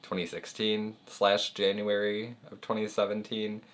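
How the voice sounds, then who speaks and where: A young man with a very deep voice talks in an easy, laid-back way, mumbling a bit and laughing through his answers. He sounds relaxed and casual, like he's chatting at home. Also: unhurried. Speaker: boyfriend guest. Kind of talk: casual chat.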